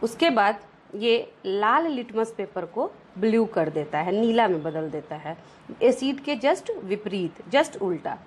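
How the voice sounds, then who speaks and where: A woman's voice: medium pitch, sing-song, takes it slowly, slight background noise. A woman teaching a science lesson over slides, often checking in with rhetorical questions and mixing English terms into her explanations.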